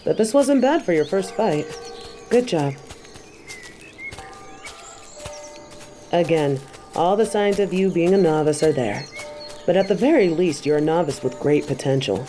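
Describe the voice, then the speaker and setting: A woman playing a stern but warm-hearted tiger kung fu master in a roleplay audio, speaking in a measured, composed way to the listener. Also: fairly low pitch, expressive, faint music behind, natural voice. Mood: measured, approving. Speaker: voice actor in a fan roleplay audio. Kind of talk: scripted roleplay addressed to the listener.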